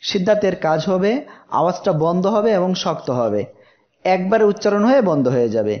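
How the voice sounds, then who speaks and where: High-voiced man teaching letter sounds. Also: sing-song, dull audio. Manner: slow explanatory teaching, stretched letter sounds as examples. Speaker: Quran recitation teacher. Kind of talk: tajweed lesson.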